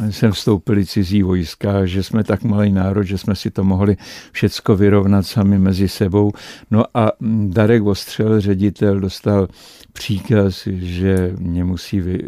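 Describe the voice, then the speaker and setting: A man's voice: deep voice, warm tone, no room sound, clean studio sound. Older man telling rambling stage anecdotes. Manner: rambling anecdotal storyteller, frequent hesitations. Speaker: actor and entertainer guest. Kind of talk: radio interview reminiscence.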